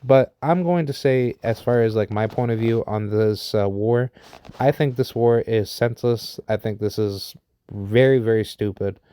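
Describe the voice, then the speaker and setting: A man's voice: on the low side, normal speed, dark tone, clean tone. A man in his thirties from the United States giving an unscripted opinion monologue. He rambles, with many fillers and restarts. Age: 30s. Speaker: vlogger sharing opinions.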